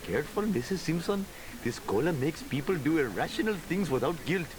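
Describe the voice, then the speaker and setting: Actor doing a formal, courteous game shopkeeper; lively lilt over clear crowd noise. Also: male voice, on the high side, a little fast, close to an everyday voice, rough recording. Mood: grave. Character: earnest male shopkeeper, middle-aged. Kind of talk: video game voice acting.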